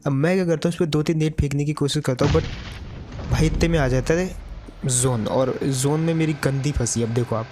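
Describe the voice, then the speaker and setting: Fast-talking man narrating gameplay. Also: on the high side, steady tone, background noise. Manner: chatty, addresses viewers as brother. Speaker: gaming YouTuber. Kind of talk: gameplay commentary.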